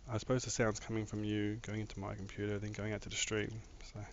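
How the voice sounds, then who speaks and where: Recorded on a dull lo-fi mic with faint noise, a man with a somewhat mixed Australian accent streams a game from his home room. He talks quickly in a low, monotone voice, rambling casually to viewers while he builds.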